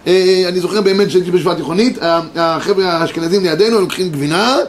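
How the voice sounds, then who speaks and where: High-voiced rabbi teaching a class. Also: male voice, slight background noise. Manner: explains, reads sources aloud, checks in with students. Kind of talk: Torah class lecture. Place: classroom with students.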